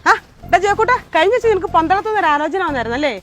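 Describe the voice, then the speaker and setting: An actress playing a village shopkeeper and marriage broker in a comic short film, with a shrill, exclaiming manner. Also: female voice, expressive, racing, fairly bright tone, soft background music.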